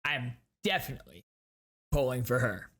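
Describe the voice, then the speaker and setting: A man hosts a gaming YouTube channel, giving enthusiastic, casual reaction commentary and reading out game details. His mid-range voice is animated and a bit bright, at a normal speed.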